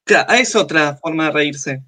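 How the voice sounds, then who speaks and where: A man's voice: on the high side, expressive, normal speed, pushed and bright. A man co-hosting an online show, bantering casually over a video call and laughing along. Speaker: co-host.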